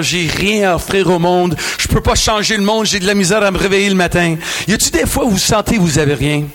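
High-voiced Québécois preacher. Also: male voice. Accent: Québécois French. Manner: animated, joking with the crowd. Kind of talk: lively sermon. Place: large hall with a crowd.

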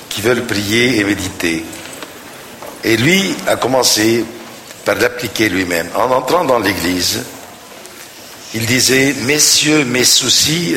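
A man, a priest, preaching a sermon with animated storytelling. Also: mid-range voice, roomy sound, in a large hall, a little hiss or hum.

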